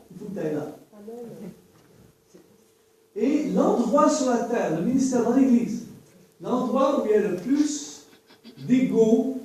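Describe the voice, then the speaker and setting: A man with a Canadian French accent, from French Canada, preaching to a worship team in a lively, joking way, repeating key phrases. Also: high voice. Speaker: worship teaching speaker. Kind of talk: sermon. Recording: very echoey room, voice from far off.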